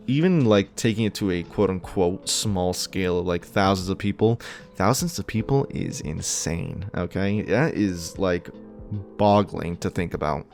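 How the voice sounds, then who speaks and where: Low-voiced man talking casually over music. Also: a little mellow. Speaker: gaming YouTuber. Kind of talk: casual reflective thank-you talk to viewers. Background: background music.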